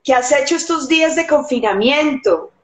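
A woman's voice: high voice, expressive, moderate pace, echoey room. A woman hosting a live interview, introducing her guest with enthusiasm. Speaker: host.

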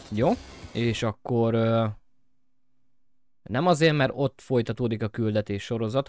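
Excitable man yelling through gameplay. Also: mid-range voice, dry recording, studio quality. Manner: excitable, yelps and shouts at the game, swears; jokey self-talk to viewers. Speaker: gameplay commentator. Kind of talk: casual let's-play commentary.

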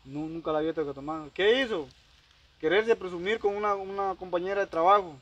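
A man's voice: high voice, a little fast, dull audio, crowd noise. Rambling man telling a story. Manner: rambling, heavy use of quoted dialogue. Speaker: storyteller recounting a personal dispute. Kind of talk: casual storytelling.

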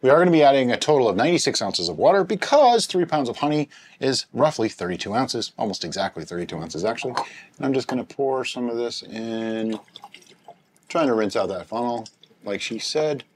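Talking a little fast at medium pitch, the homebrewing host chats animatedly at his table, explaining every step as he works with his equipment. Slight background noise can be heard in his home studio with its shelves of bottles.

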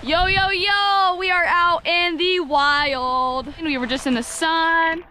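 A woman's voice: extremely high pitch, fairly even intonation, takes it slowly, sharp tone, slight background noise. A young woman chatting upbeat to a handheld action camera on an outdoor mountain trail. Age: young adult. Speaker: vlogger. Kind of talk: casual travel vlog chat.

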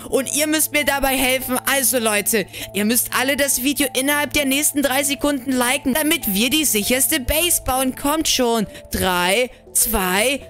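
Young guy gaming host, really high voice, dramatic and excitable, faint music behind. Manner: excitable, dramatic, talks to viewers. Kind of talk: game role-play commentary.

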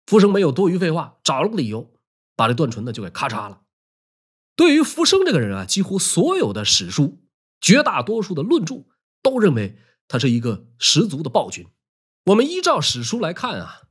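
Man, husky voice, lively swooping pitch, wry colloquial history storytelling.

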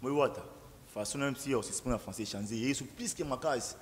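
A man on a studio talk show, rattling off his points at great speed and repeating phrases, mixing French with Lingala. His voice sits at an ordinary pitch. It rings with the long reverb of a studio hall. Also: slight background noise. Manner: rapid, animated, repetitive, mixes French with Lingala. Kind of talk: excited talk-show chat.

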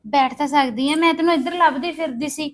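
A woman's voice: sits high, brisk, close to an everyday voice. A woman playing a pleading young sister-in-law. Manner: defensive, pleading.

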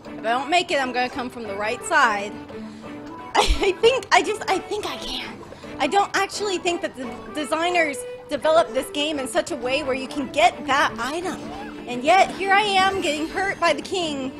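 High-pitched young woman streaming a game, rambling and fed up, voice kinda worn out, game music clear behind her. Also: animated, moderate pace. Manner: chatty, rambling and exasperated, bursting into shouting. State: voice worn from screaming. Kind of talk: live gameplay commentary.

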